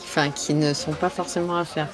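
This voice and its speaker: Surrounded by crowd noise at a summer event outdoors, a woman from France stumbles through street-interview answers with lots of fillers and false starts. She speaks a little fast in a low, level voice, and the audio quality is poor.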